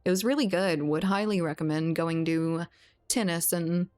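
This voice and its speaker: This South Louisiana streamer keeps up casual chat with viewers while gaming, laughing often and answering messages as she reads them. Her voice is fairly low and darkish, with a steady tone at a moderate pace.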